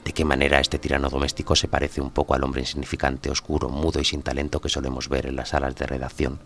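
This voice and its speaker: A man's voice: extremely low pitch, completely flat delivery, fast talker. A man reading a story aloud, expressively voicing the characters' lines. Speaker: narrator.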